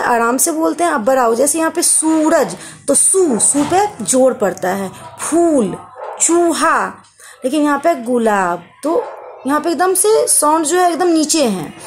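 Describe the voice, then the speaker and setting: A woman's voice: high-pitched, a little mellow. A woman teaching a children's Hindi lesson, patiently sounding out syllables and stretching the vowel sounds. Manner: patient, drawn-out sounding of syllables, calls listeners beta. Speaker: primary school teacher.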